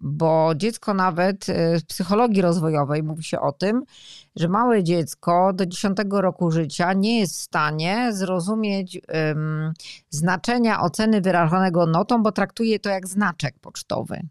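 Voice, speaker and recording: Woman, lowish voice, measured explainer with hesitations, dry close mic. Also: no room sound. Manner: explanatory, frequent "e" fillers, measured. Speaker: education expert, podcast co-host. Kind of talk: conversational podcast explanation.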